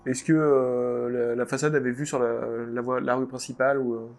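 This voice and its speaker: A man's voice: mid-range voice, little pitch movement, a little fast, a little mellow, faint music behind. A man chatting casually as a player in a tabletop role-playing game.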